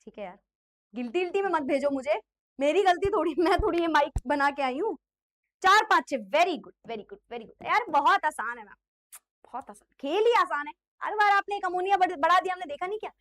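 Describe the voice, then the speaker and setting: A woman's voice: very high-pitched, lively intonation, fairly quick, fairly bright tone. A woman teaching an online chemistry class in a playful, teasing way, quizzing her students as she goes.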